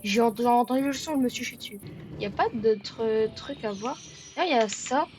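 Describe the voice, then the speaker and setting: A woman talks over a game session in a fairly high voice, joking as she plays. She stammers and repeats words, and now and then shouts at the screen. Faint music plays under her. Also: moderate pace. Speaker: gaming video creator. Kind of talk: let's-play commentary.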